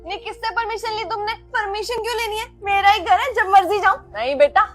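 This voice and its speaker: A woman's voice: very high-pitched, fairly quick, faint music behind. A woman acting in a comic family skit, trading bickering lines between a mother-in-law and a daughter-in-law. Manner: bantering, bickering dialogue.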